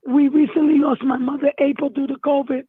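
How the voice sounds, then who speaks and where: A middle-aged woman with a hoarse, failing voice, a caller giving an emotional personal account in distress. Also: high-pitched, level tone, fairly quick, no echo. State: losing her voice, distressed. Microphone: phone call. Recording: tinny, narrow phone-line sound.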